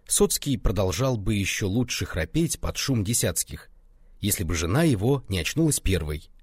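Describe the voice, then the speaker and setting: A man reading a folk tale aloud as audiobook narration, including its footnotes, in an animated way. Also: lowish voice, normal speed, slightly rough, dry recording, studio quality. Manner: animated, reads notes aloud. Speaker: audiobook reader. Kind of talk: expressive scripted narration.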